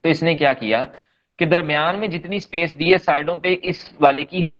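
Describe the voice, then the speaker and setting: A man's voice: a little high, steady tone, moderate pace, muffled recording. A man leading a live online coding class, explaining step by step in a patient, repetitive way and checking in often with his students. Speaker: coding instructor.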